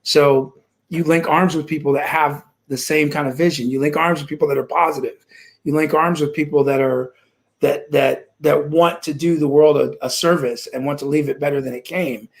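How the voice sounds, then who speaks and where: Speaking at a normal pace with a steady tone, this man's voice sits on the high side. He's in his forties, from Kansas, and recounts his life story from a home room as an interview guest over video call, cheerful and hopeful despite frequent restarts.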